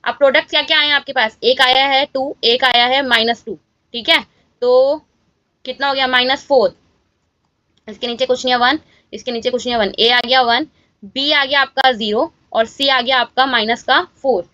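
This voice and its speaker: A woman with a high voice teaches a maths lesson, talking students through each step and pausing to check they follow. The sound is dry and a little dull, like a lo-fi recording. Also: steady tone, bright, forceful tone, no room sound. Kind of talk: exam-solution walkthrough lesson.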